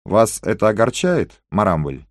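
A man voicing a calm, immovable, phlegmatic character in an audiobook, making slow, dry remarks. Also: on the low side, dry recording.

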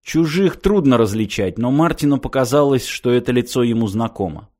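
A man reading a novel aloud in an even, measured storytelling voice. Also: mid-range voice. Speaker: narrator. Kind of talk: audiobook narration.

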